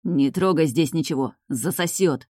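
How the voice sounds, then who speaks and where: Woman doing a gruff, curt stranger barking orders. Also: sits low, moderate pace, mellow, no echo, studio quality. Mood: cold.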